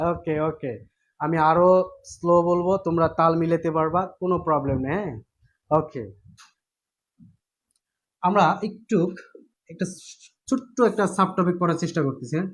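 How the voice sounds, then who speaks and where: A man's voice: on the high side, steady tone, normal speed, long pauses. A man teaching an online exam-prep class in a casual lecturing style, repeating points and often checking that students follow.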